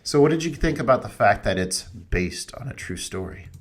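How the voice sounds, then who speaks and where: A man's voice: fairly low pitch, animated, normal speed. A young man co-hosting a movie podcast, talking in a loose, rambling, chatty way. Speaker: podcast co-host. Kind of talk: casual chat.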